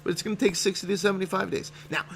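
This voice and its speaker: A man's voice: high voice, fairly even intonation, rapid-fire, creaky, fairly bright tone, slight background noise. A man, a real estate investor, talking casually to camera in a brash, profane way and often checking in with "okay?". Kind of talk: casual vlog talk to camera.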